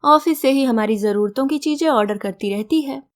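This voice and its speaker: A woman storyteller reading a first-person story aloud in a gentle, reflective, measured way. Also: high voice.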